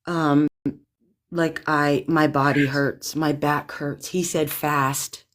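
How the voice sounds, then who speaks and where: A woman's voice: deep voice, flat delivery, takes it slowly. A woman hosting a live paranormal investigation, sounding exhausted and drained, talking anxiously in rambling restarts. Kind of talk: live-stream chat.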